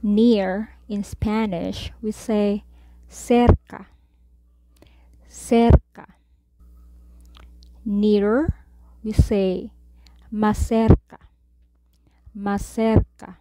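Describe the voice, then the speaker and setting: Woman, language tutor, very slow, mellow tone, dry close sound. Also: medium pitch, steady tone, no echo. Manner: says each word, then repeats it slowly. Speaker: Spanish tutor. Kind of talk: slow vocabulary lesson.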